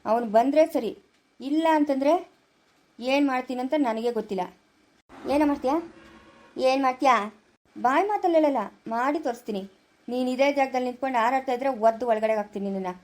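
A woman's voice: high voice, a little mellow, natural voice. A woman playing a cocky young police inspector. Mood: defiant. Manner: taunting, quick and emphatic. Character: brash young male police inspector, defiant and fearless. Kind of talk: amateur family skit acting.

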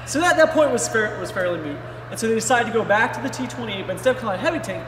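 A man in his thirties, a museum curator, explaining with animated gestures in a large hangar. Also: high voice. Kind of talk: explanatory chat on camera. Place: large vehicle hangar indoors. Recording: echoey hangar, from far off, noisy.

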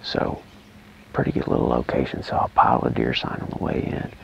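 A man quietly narrating a hunt from a tree stand in the woods, much of it half-whispered. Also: extremely low pitch, expressive, brisk, creaky, highs cut off, background noise. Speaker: hunting vlogger.

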